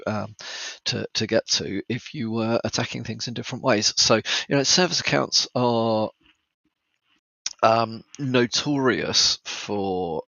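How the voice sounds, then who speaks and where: A man with a low, gravelly voice, croaky from a cold, hosts an informal news briefing. He speaks in halting, broken phrases with plenty of ums. The recording is dry and a little dull. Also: bright, forceful tone, no echo. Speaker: host of a cyber security news briefing.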